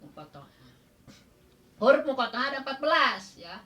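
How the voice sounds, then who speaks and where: Bright-voiced Sundanese woman teaching Quran. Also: sits high, very animated. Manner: quizzes students with questions, chuckles often; counts out drawn-out letters as demonstration. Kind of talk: informal classroom lesson.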